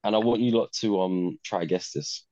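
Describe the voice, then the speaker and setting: A man's voice: fairly low pitch, fairly quick, mellow, dry recording, lo-fi sound. A man with a London roadman accent bantering casually about football in slang, putting questions to the others. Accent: London, urban slang (roadman). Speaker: football podcast co-host.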